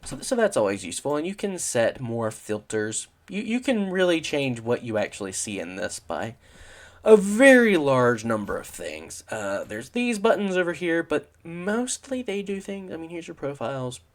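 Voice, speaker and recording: A man's voice: a little high, sing-song, normal speed. A man giving a casual, rambling screen-recorded tutorial, self-deprecating and acting out his own inner questions, his voice tiring toward failing. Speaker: modding tutorial presenter.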